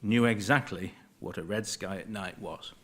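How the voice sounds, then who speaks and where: A man's voice: fairly low pitch, normal speed. Chatty man giving a Bible talk. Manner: conversational, digressive, reads scripture aloud. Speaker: Bible study speaker.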